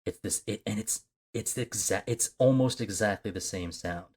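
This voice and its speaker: In casual movie-talk on a podcast he co-hosts, a man speaks at normal speed with a lowish, slightly mellow voice that has a breathy edge. He drifts into rambling asides, using lots of fillers and restarting often.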